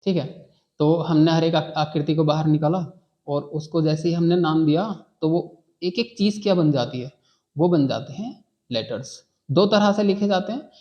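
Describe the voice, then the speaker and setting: A man's voice: fairly high pitch, normal speed, warm tone. A man teaching a beginners' English class in a patient, repetitive way, often checking in with the students as he goes. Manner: patient, repeats key words and checks with "ठीक है". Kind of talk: classroom lesson. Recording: dull lo-fi sound.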